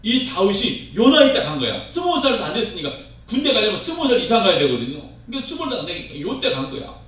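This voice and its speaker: A male pastor preaching a sermon in a church, telling the story in an animated way and acting out the quotes. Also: high voice, fast talker. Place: church sanctuary. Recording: echoey hall, voice from far off, faint noise.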